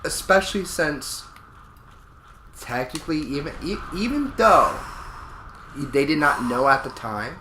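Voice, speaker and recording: A man's voice: on the high side, animated, unhurried, long pauses. A man chatting casually and emphatically over video game play as co-host, opinionated, often repeating and rephrasing his points. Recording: roomy echo, faint background noise.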